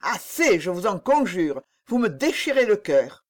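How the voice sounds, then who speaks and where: A woman's voice: medium pitch, very animated, unhurried. A woman reading the part of a young king, lovesick and pleading, in an impassioned, exclaiming manner for an audiobook.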